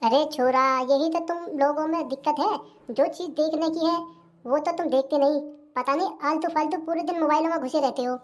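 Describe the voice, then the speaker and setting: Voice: high-pitched, steady tone, fairly quick, close to an everyday voice. A voice actor playing a suspicious, fearful old village mother-in-law in a comedy cartoon, speaking with a rural Hindi accent. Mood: urgent. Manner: suspicious, fretful, muttering asides.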